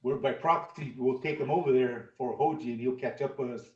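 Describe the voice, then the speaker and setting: A man's voice: medium pitch, brisk, darkish tone. A man playing a tabletop role-playing game, rambling as he searches for words. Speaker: player. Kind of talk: casual tabletop play. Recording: distant, roomy, lo-fi.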